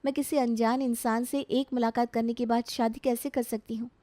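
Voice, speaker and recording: Brief: woman voicing a sweet young bride, soft, mellow tone, dry close sound. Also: a little high, little pitch movement, moderate pace, no room sound, natural voice. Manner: polite, soft. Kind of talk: storybook voice acting.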